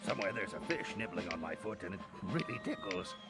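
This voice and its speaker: A man's voice: deep voice, very animated, quick pace. A man voicing a pompous, blustering male demon skull in a studio game, his voice heard in the left channel only. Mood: sulky. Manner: grandiose villain boasts, then meek. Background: loud game music.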